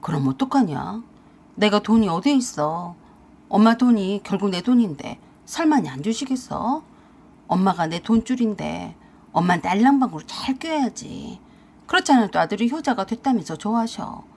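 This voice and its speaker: A woman's voice: medium pitch, animated, moderate pace, darkish tone, breathy edge. Woman doing a whiny, scheming husband. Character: lazy, scheming husband, grown man, whiny and sly.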